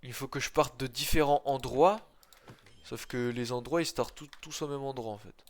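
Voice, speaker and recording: A man's voice: medium pitch, normal speed, a little hiss or hum. A young man chatting casually while playing a modded game, swearing at it and dropping joking English phrases. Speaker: gaming YouTuber. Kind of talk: casual gameplay chat.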